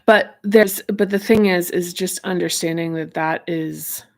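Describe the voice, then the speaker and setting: A woman's voice: fairly low pitch, fairly even intonation, unhurried. A woman, a self-help author, talking loosely through ideas from her own book, with lots of fillers as she searches for words. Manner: rambling and searching, heavy on fillers.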